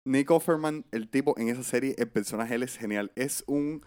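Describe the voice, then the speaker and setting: A man co-hosting a casual podcast, talking fast and excitedly. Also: medium pitch. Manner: rapid, excitable, says "papá" a lot. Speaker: podcast co-host. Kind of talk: casual chat.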